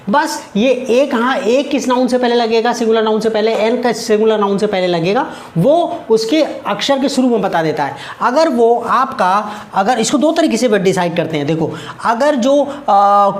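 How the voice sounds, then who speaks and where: A woman explains grammar in a lively classroom manner. Her voice sits a little high. She repeats words to drill them and answers her own questions. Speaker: English grammar teacher. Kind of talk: classroom-style lesson.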